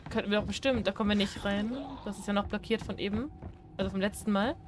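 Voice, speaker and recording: A woman casually commenting on a horror video game as she plays, chatting to the game's characters and swinging between shrieks and low mumbling. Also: steady tone, fast talker, background noise. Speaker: gaming streamer. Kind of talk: casual Let's Play commentary.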